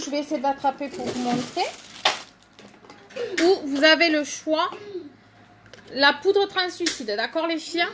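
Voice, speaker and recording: A woman's voice: high-pitched, noisy background. A woman hosting a casual live stream, chatting to viewers by name and showing makeup products, with many fillers.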